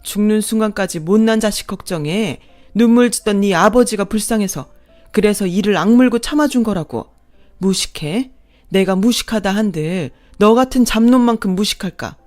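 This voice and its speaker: A woman voicing a long-suffering mother-in-law who speaks with a forceful, cutting, defiant manner. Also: medium pitch, moderate pace, soft background music, natural voice. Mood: fierce.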